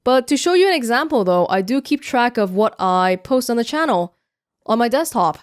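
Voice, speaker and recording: A young Canadian YouTuber answers viewer questions in a casual vlog, chatty and self-mocking, with a slightly high, animated voice at a moderate pace. She speaks close to a studio mic, with no echo.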